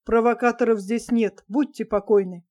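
A woman's voice: on the high side, fairly even intonation, moderate pace, darkish tone, close to an everyday voice. A woman voicing a stern male lieutenant colonel who speaks in a clipped, formal way.

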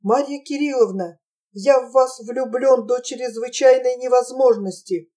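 A woman puts on a fawning male shop clerk, lovesick and pompous, begging in fancy half-learned phrases. His voice sits high and rather hushed, with a mellow, soft tone. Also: unhurried, recorded from a distance. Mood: pleading. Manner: pompous mock-refined, pleading.

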